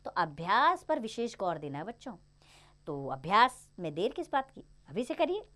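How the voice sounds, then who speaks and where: A woman teaching young children in a recorded lesson, her voice rising and falling in a lively, animated way. She is patient and encouraging, and keeps checking in with the class. When she counts, she says each number slowly and clearly. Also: mid-range voice.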